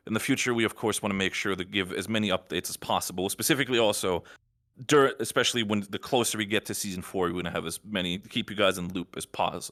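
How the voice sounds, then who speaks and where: A man with a somewhat low voice talks through a podcast update for his project's community. He rambles a little, circling back and restarting phrases, but keeps a reassuring tone as he lays out how things will work. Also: pushed and bright. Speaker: admin team member.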